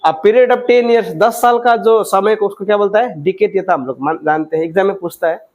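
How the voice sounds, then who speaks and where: High-voiced man teaching English vocabulary. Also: darkish tone, rough recording. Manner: quizzing, repeats questions to students; mixes English phrases into explanations, reads them slowly. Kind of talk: vocabulary lesson.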